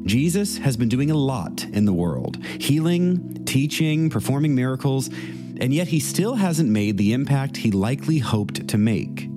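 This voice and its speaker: A man, a priest, leading a reflective meditation and reading scripture in a measured, gentle voice. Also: medium pitch, very animated. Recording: music playing underneath the voice. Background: soft instrumental music.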